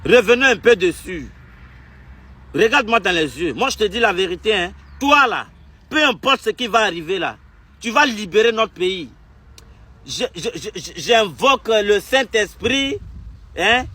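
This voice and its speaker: Young togolese guy yelling insults at camera, very high sharp voice. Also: animated, normal speed, dry recording. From Togo. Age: young adult. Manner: furious, insulting, repetitive, shouting bursts. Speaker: activist vlogger. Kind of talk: angry political rant to camera.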